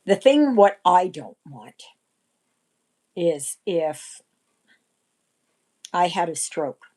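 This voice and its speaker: A woman in her sixties hosting a casual livestream chat, rambling and often clearing her throat. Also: on the low side, very animated, extremely slow, mellow, rough recording. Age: 60s. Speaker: livestream host.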